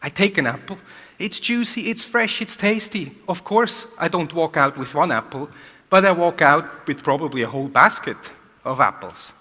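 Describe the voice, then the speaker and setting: A man giving an energetic conference keynote to a large audience, asking rhetorical questions, heard in a reverberant hall. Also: a little high, normal speed. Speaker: keynote speaker.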